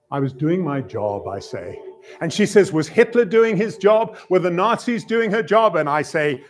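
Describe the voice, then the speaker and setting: An actor in his sixties playing an anguished, earnest father in a searching, halting theatrical soliloquy with emphatic, broken phrases. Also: sits high. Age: 60s. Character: anguished older male father, earnest defender of the law. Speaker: actor performing a dramatic monologue. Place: indoor room, stage rehearsal.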